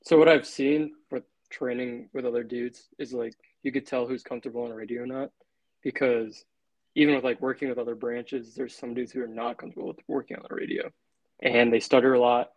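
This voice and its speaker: A man speaking as an interview guest in a relaxed, laid-back way, swearing freely. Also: medium pitch, brisk, dry recording, rough recording. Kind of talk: casual interview chat.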